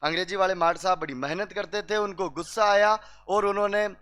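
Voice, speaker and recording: A man's voice: high voice, fairly even intonation, a little fast, a bit bright, smooth. A man telling comic stories to a class, quizzing the listeners and repeating each punchline. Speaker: teacher telling jokes to students.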